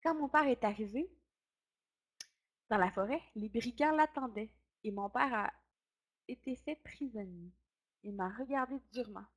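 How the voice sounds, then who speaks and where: Expressive woman reading a children's story. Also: on the high side, measured pace, pauses often. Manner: expressive, first-person narration.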